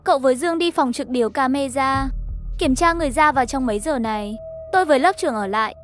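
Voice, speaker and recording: A woman with a clearly high-pitched voice talks fast as she narrates an animated horror story, reading the scripted lines and voicing the characters' dialogue herself. Background music plays beneath her.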